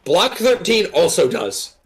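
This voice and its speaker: A young man with a lively, somewhat high voice talks on a group stream. He is excitable and keeps jumping in over the others in quick bursts. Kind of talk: casual group chat on a stream.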